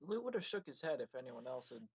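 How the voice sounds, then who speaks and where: A man's voice: medium pitch, very animated, fast, slightly rough, no room sound, low-quality recording. A man hosting a livestream, reading his own story aloud in a casual way and correcting himself as he goes. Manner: casual, with self-corrections and laughs. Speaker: livestream host and writer.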